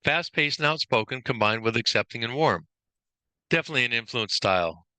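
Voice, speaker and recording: A man's voice: mid-range voice, animated, a little fast, pushed and bright, clean tone, dry recording. A male trainer giving an informal lesson, rattling off lists of traits and now and then correcting himself. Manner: brief self-corrections. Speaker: workplace trainer.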